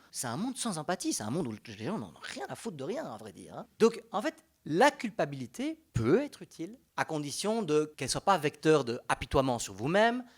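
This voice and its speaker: A young man on a panel gives a public talk in a fairly high voice with a Belgian French accent. He sounds animated and conversational and often breaks off to restart what he's saying.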